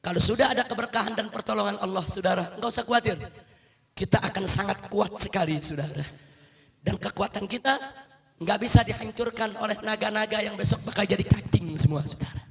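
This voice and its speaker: A man's voice: high-pitched, fairly quick, gravelly. A middle-aged man giving a rousing political sermon to a crowd, repeatedly calling out to his listeners and leading chants. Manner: rousing, repeats "saudara", calls for takbir and crowd responses. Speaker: Islamic preacher.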